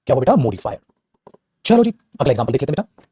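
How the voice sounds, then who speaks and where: Fast-talking husky male teacher. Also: medium pitch, very animated, mellow. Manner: scolding, motivational, calls students beta. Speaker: English grammar teacher. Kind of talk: live online class lecture.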